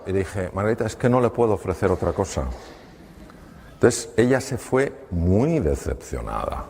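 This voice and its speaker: A middle-aged man, a doctor telling an anecdote to an audience and acting out the dialogue with pauses. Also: on the low side, darkish tone. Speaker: doctor giving a talk. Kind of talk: storytelling talk to an audience. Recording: hall reverb with faint room noise.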